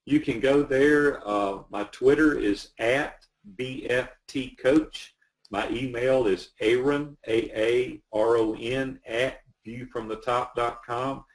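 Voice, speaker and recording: A man's voice: mid-range voice, rough recording. A man working as a business coach, talking earnestly and with animation as he tells stories in a casual interview.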